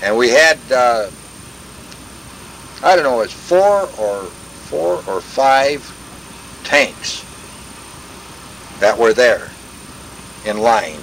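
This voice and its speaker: An older veteran telling war stories in a rambling, folksy way, full of restarts and sound effects. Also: male voice, medium pitch, lively intonation, very slow, pauses often, fairly bright tone, slight background noise, poor audio. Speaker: veteran interviewee. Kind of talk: oral history war reminiscence.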